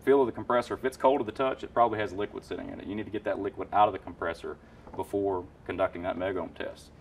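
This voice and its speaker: In a warehouse parts room lined with shelves, a thirties-aged HVAC technician explains his tools in casual, enthusiastic shop talk full of fillers. His low voice keeps a fairly even intonation and a quick pace. He's recorded from a distance, with a little hiss or hum.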